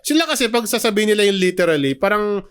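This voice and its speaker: A man's voice: high-pitched, sing-song, fast talker, fairly bright tone, clean tone. A young Filipino man co-hosting a podcast, joking and laughing often as he swaps between Tagalog and English in casual banter. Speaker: podcast co-host.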